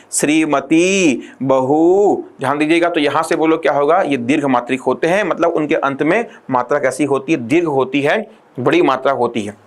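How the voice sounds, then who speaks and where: A man with a slightly high voice delivers an exam-prep lesson. He drills his students with constant rhetorical questions and slows to a deliberate pace when dictating definitions. The tone is that of a classroom lecture. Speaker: teacher.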